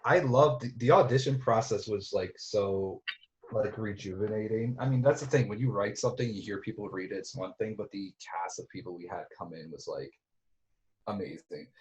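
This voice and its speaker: A man's voice: on the low side, normal speed, lo-fi sound, a little hiss or hum. A man reminiscing about casting in a casual reunion chat, rambling with many restarts and fillers. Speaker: director and writer. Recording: roomy echo.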